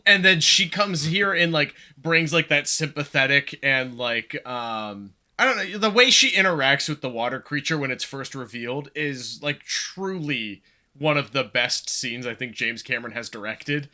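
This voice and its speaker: Male co-host, keyed-up movie fan, bright ringing tone, casual and profane. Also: medium pitch, normal speed. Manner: excitable, swearing, many restarts and fillers. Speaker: podcast co-host. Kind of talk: casual movie review chat.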